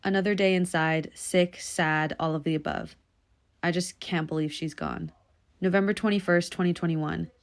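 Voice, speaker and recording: A woman with a slightly low voice reads from her own diary, one dated entry after another. Her delivery is quiet, subdued and confessional, and it stays close and intimate throughout. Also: fairly even intonation, normal speed. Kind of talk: reading personal journal entries aloud.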